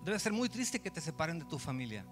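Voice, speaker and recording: A man preaching an evangelical sermon to a congregation, conversational and given to repeating words, growing loud and urgent. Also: a little high, sing-song, fairly quick, over music. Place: church hall with congregation.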